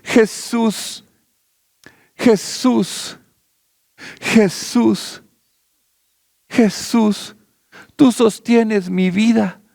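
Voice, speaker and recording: A man preaching a sermon as pastor, repeating phrases in a fervent cadence, then praying in slow, pleading words. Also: high-pitched, steady tone, vocal fry, a little mellow, dry recording, clean studio sound. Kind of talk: sermon turning into prayer.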